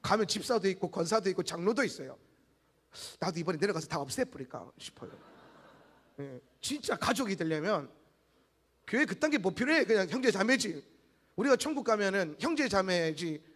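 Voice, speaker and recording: High-pitched Korean man preaching with big swings. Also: expressive, a little fast, in a large hall. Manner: swings between loud exclaiming and soft confiding; acts out quoted dialogue in small voices. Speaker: guest pastor. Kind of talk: sermon.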